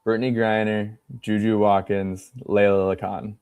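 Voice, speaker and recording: A man's voice: lowish voice, little pitch movement, normal speed, darkish tone, clean tone. A man co-hosting a sports podcast, talking tongue in cheek in casual chat. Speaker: podcast co-host.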